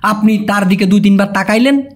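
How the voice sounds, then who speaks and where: A language teacher, speaking in a colloquial way and repeating example phrases slowly. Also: medium pitch. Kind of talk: language lesson.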